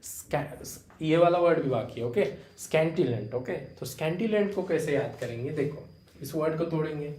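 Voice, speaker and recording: Young male Indian tutor, Marathi-tinged, slightly high-pitched, patient explainer, echoey room. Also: animated, moderate pace, darkish tone. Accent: Marathi-influenced Indian. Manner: explains with repeated fillers like "okay" and "है ना"; addresses students fondly as "बेटा". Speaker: English vocabulary teacher. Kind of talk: Hindi-English vocabulary lesson.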